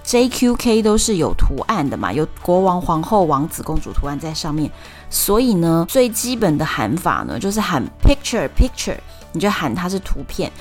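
Over faint, soft background music, a woman with a Taiwanese Mandarin accent hosts a podcast and tells a story in an easygoing, talkative manner. Her somewhat low voice moves at normal speed as she patiently lays out each point, stretching her sentence-final particles.

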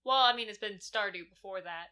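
Bright-toned laid-back woman podcast co-host. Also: mid-range voice, a little fast, clear, resonant tone. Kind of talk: casual podcast chat.

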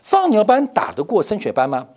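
A man's voice: high voice, wildly swooping pitch, brisk, a little mellow. A middle-aged man hosting a financial commentary show, emphatic and rhetorical, repeating phrases to drive points home.

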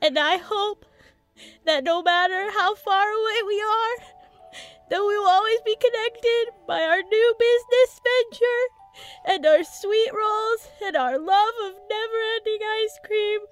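A woman voicing a sweet, earnest Pokemon girl, speaking high and choked with tears. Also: unhurried, soft background music. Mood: tearful.

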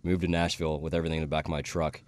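A man, a guest, telling the story of how he met his wife in a casual chat, with quick dry jokes. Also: rumbling low, flat delivery, no echo. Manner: quick, dry self-deprecating humor.

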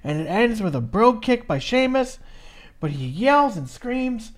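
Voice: mid-range voice, sing-song, a little slow. A podcast co-host recapping a match in a chatty, casual way, swearing now and then and reading from notes.

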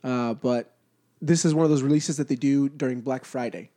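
A man's voice: medium pitch, fairly even intonation, normal speed, dark tone. A man with congested sinuses and a nasal sound, chatting casually as host of a beer podcast. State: congested from cat allergy. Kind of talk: casual chat.

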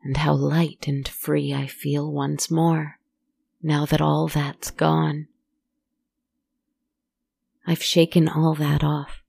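A woman voicing a weary shapeshifting forest creature in a scripted horror monologue, speaking slowly and deliberately in a husky, creaky voice. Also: low-pitched, level tone, a little mellow, dry recording, exaggerated voice. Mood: calm relief.

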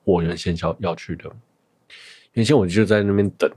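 A man with a low voice hosts a podcast and talks casually by himself. He tells his story in a loose, rambling way and keeps stopping to correct himself. The recording is close and dry, with no room sound. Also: brisk, a little mellow, slightly rough, dry recording. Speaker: podcast host. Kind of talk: casual solo chat.

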